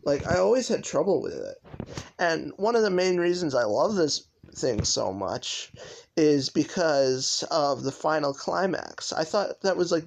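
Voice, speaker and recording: A man's voice: medium pitch, creaky, a little mellow, a little hiss or hum, low-quality recording. A young man giving casual, rambling commentary over gameplay as a YouTuber, full of fillers and restarts. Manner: rambling, lots of likes and restarts. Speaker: gaming YouTuber.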